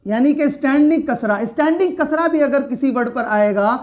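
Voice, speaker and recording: A woman teaching an Arabic lesson, explaining slowly and repeating each sound, asking the question back before answering it herself. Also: high voice, a little mellow.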